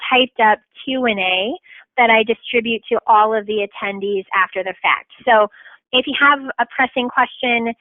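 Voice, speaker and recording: A woman's voice: fairly high pitch, no room sound. Woman presenting a webinar over a thin line. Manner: chatty, quick, self-deprecating, frequent ums. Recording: tinny phone-like line.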